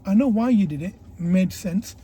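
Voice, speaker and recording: A man's voice: high-pitched, expressive, moderate pace, mellow. A man working as a driving instructor, guiding a learner step by step in an encouraging way inside a car. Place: inside a car being driven. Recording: clear car noise. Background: car engine and road noise.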